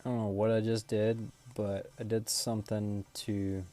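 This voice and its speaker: A man's voice: on the low side, level tone, a little slow, warm tone, soft background music. A man streaming live, chatting casually and thinking aloud as he works, now and then scatting a beatbox. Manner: scat-beatboxes between remarks.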